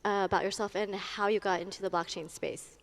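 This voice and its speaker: A woman moderating a conference panel, asking questions in a halting way with many fillers. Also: medium pitch, steady tone, gravelly, soft background music. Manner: halting, many uhs and ums. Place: conference stage. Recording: reverberant conference hall.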